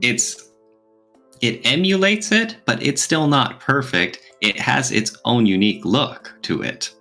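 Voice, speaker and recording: With music playing behind him, a male podcast co-host explains points and poses questions in a casual discussion. He has a medium-pitched, sing-song voice that sounds pushed and bright, and he's unhurried.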